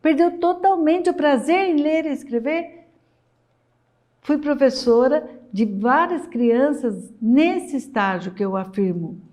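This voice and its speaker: A woman's voice: high-pitched, expressive, slow, a little mellow. A middle-aged woman with a Brazilian accent, a literacy educator giving an emphatic lesson for mothers and repeating her key points. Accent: Brazilian Portuguese. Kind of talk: talking-head lesson for mothers.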